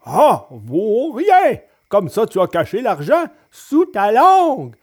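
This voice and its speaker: A brutal hooded robber in a storybook drama, threatening his victim in a slow, drawn-out way, as a male narrator puts him on. His voice is pitched strangely high and swings widely, with a slow, heavy pace. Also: huge pitch swings, heavily acted. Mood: furious.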